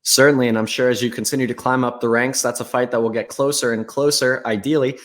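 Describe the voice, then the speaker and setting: A man interviewing a fighter over a call, asking polite, measured questions with occasional "uh" fillers. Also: medium pitch, fairly even intonation.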